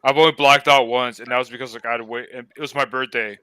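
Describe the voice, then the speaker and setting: Here a young male host from around Los Angeles keeps a live-stream hangout going with relaxed, rambling chatter full of fillers. The voice sits mid-range, steady and fast, bright and forceful yet smooth, and there's no room sound.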